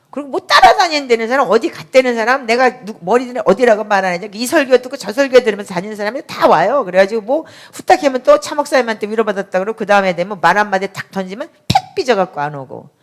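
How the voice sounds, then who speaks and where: A middle-aged woman pastor giving a sermon in a conversational, emphatic way, with sudden loud outbursts. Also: fairly high pitch.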